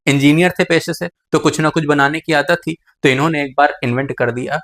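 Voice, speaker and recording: This biology teacher's voice sits on the high side, a bit bright, with fairly even intonation and a fairly quick pace. Throughout the classroom lecture he calls students "beta" and answers the questions he asks.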